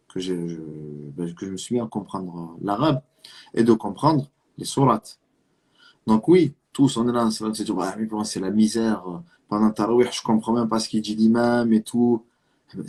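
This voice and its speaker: Speaking with a southern French accent, a man from Marseille, France, gives an earnest talk as an Islamic preacher. His husky voice sits on the low side with a slight mellowness, and he urges the listener through repetition and rhetorical questions.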